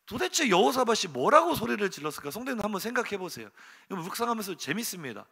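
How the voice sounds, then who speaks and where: A middle-aged pastor delivers a sermon in a church, his voice high and swinging widely in pitch. A gravelly edge runs under his words as he shifts from hushed asides to sudden loud exclamations. He keeps turning to the congregation with rhetorical questions. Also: very fast. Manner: animated storytelling with sudden shouted exclamations. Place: church sanctuary.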